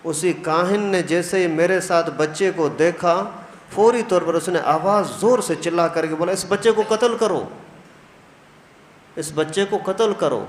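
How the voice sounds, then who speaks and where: A male religious teacher giving a storytelling lesson in a mosque, acting out the dialogue. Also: high voice. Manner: animated storytelling, acts out dialogue. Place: mosque hall. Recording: echoey hall, faint noise.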